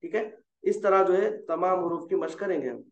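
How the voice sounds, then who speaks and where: A man teaching Quran reading, patiently spelling out letters and gently correcting his student. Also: sits high. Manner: coaxing, corrects gently and repeats letters slowly. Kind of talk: patient tutoring over a call. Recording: roomy, dull lo-fi sound.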